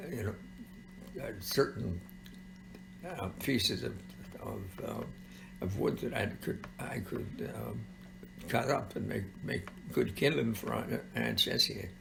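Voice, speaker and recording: Very creaky, gravelly grandpa voice. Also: male voice, medium pitch, a bit bright, a little hiss or hum, low-quality recording. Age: elderly. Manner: grandpa voice, halting and rambling with frequent pauses. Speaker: grandfather telling childhood stories. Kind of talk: informal oral storytelling.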